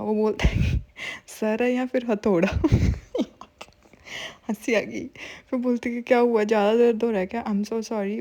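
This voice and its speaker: A woman's voice: mid-range voice, warm tone. Chatty young woman retelling a drama. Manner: chatty, retells every line of dialogue with asides. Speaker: drama recap narrator. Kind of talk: casual storytelling recap.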